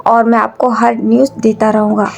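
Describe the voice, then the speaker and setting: Brief: woman reading as a kind young man, reassuring, high gravelly voice, storybook. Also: level tone, moderate pace, a little mellow. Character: young man leaving home, gentle and reassuring.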